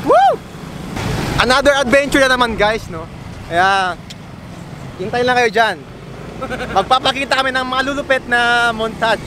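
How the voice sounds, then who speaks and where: A man with a Filipino accent hosting a casual hiking vlog outdoors, excited and whooping. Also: extremely high pitch, slow pace, pauses often, noisy background. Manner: excited, loud whoops and laughs. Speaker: vlogger host. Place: outdoors on a hillside trail.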